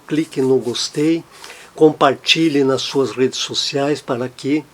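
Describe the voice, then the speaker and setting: A man teaching a language lesson, patient and explanatory, slowly repeating each example word. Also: mid-range voice, slightly rough. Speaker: German teacher.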